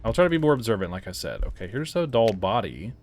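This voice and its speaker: A man with a low voice talks through a horror game, thinking aloud. His delivery swings widely in pitch, from puzzled mutters to startled yelps and laughs, over a faint background hiss. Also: sing-song, quick pace, darkish tone. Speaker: game reviewer playing a horror game. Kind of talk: casual let's-play commentary.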